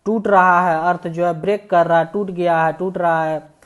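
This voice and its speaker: Brief: alarmed parrot repeating its warning, voiced plainly by a storybook reader, flat voice. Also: mid-range voice, normal speed, lightly acted. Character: panicky parrot spreading alarm.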